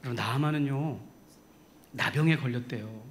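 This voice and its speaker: A man pastor preaching a sermon, telling a story in an animated way and laughing along. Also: medium pitch, normal speed, a little hiss or hum. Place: church sanctuary.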